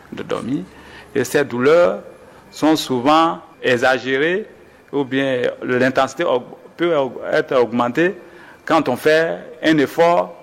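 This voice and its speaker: A long reverb tail and a bit of background noise surround this man's mid-range voice. He is a doctor giving an interview, explaining symptoms patiently and methodically, often stopping to restart or correct himself.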